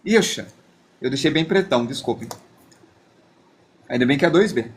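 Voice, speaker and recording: A man's voice: medium pitch, expressive, moderate pace. A man, teaching a live drawing lesson and chatting as he thinks aloud while he draws.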